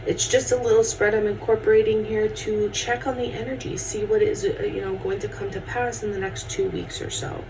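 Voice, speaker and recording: Woman, casual tarot host, conversational and familiar with viewers, mid-pitched, recorded at a distance. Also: steady tone, fairly quick, hardly any pauses. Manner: chatty, addresses viewers as friends and guys. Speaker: tarot card reader hosting a horoscope show. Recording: distant mic with faint background noise.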